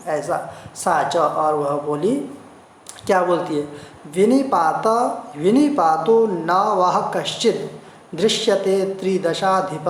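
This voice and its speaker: A Sanskrit teacher reading a text line by line, glossing each word slowly and repeating the meanings, in a roomy recording with a faint hiss. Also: medium pitch. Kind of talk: line-by-line translation lesson. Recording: roomy echo, faint noise.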